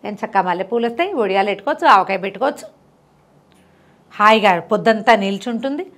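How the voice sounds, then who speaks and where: A woman voicing a gentle, meek old village grandmother who speaks softly and fondly in a storybook tale. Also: medium pitch, animated, fast talker. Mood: fond, soothing. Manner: soft, affectionate and praising.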